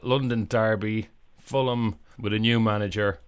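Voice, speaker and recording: Low-voiced man hosting a football podcast. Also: steady tone, moderate pace, clear, resonant tone, no echo, clean studio sound. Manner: joking, leads the discussion. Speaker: podcast host. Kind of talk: casual football chat.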